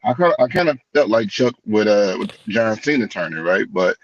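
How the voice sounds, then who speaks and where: A man's voice: lowish voice, lively intonation, a little fast, no room sound, dull audio. A man co-hosting a casual wrestling podcast, speaking in a laid-back, hesitant way with many restarts. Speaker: podcast co-host.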